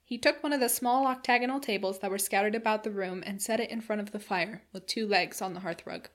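A woman narrating a classic novel in a measured, steady storytelling voice. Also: mid-range voice. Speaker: audiobook reader.

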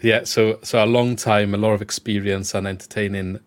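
A man's voice: fairly low pitch, flat delivery, moderate pace. A man with a Swansea Welsh accent, hosting a podcast in a conversational way. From Swansea, Wales. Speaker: podcast host.

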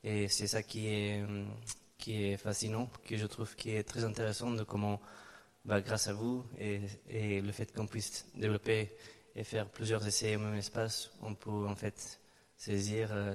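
Male panel speaker, halting and very monotone, heard with long room reverb. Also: fairly low pitch. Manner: halting, searching for words, repeating himself. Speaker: dance performer and creator. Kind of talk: panel talk, answering in an audience discussion.

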